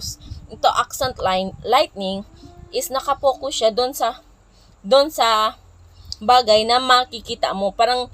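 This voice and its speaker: A woman's voice: mid-range voice, low-quality recording. A young woman with a Filipino accent giving a classroom report, switching between English and Tagalog with many restarts. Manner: halting, many restarts and fillers. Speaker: student presenter.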